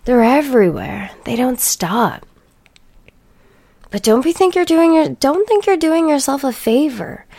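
A woman hosts a solo podcast in an unhurried, drawn-out delivery. She is blunt and profane and rants with a sarcastic edge. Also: high-pitched, very animated, creaky, mellow. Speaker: podcast host.

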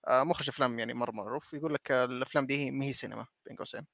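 Very fast, gravelly man mixing in English. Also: mid-range voice, fairly even intonation, a bit bright, dry recording, studio quality. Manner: mixes English words into Arabic. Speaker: film discussion podcast co-host. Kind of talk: casual film chat.

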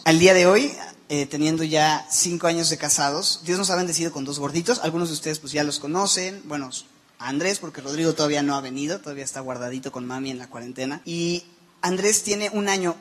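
A young pastor preaching a sermon. His voice sits a little high for a man. He talks in a loose, chatty way and cracks jokes at his own expense. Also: a bit bright. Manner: joking, conversational, self-deprecating.

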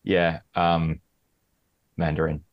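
A man's voice: a bass voice, flat delivery, slow, muffled recording. A man as a podcast guest, talking casually and hesitantly, full of "like" and restarts. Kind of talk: casual interview chat.

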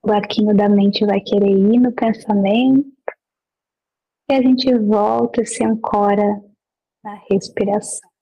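A woman leading a guided meditation. She gives gentle, unhurried instructions with long pauses between them. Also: mid-range voice, steady tone, breathy edge, muffled recording.

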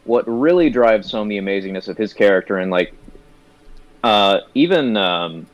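A young man with a low voice in a casual movie review chat, rambling and restarting his sentences often. The recording is close and dry, with hardly any room sound. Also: expressive, moderate pace, no room sound, muffled recording. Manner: rambling, many fillers and restarts. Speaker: movie review podcast co-host.

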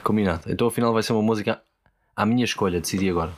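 A man's voice: on the low side, very fast, a little hiss or hum. A man with a European Portuguese accent chatting casually and playfully as a podcast co-host, with a teasing manner. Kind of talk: casual comedic chat.

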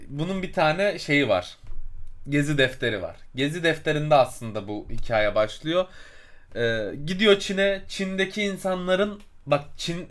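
A man's voice: on the high side, fairly bright tone. A man co-hosting a travel podcast, telling a long story in a casual, rambling way with many fillers. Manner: storytelling, explains at length with fillers and searches for words. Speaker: podcast co-host. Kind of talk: casual chat.

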